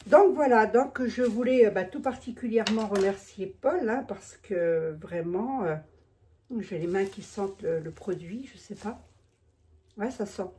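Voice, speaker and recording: A woman's voice: medium pitch, a little mellow. A woman with a lisp, slushy sh for s and slightly impeded articulation, chatting casually and self-mockingly to subscribers in an unboxing vlog, often repeating her phrases. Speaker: video creator addressing her subscribers.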